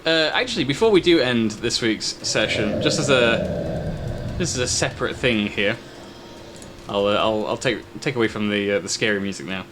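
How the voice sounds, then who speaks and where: A man acting as game master, telling an improvised tabletop adventure in short, halting, descriptive phrases. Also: lowish voice. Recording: faint background noise.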